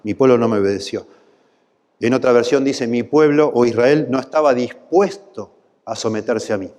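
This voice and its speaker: Rioplatense pastor preaching in a reverberant hall. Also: male voice, medium pitch, normal speed, a little mellow. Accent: Rioplatense Spanish. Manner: impassioned, rising to pleading peaks. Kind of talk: sermon.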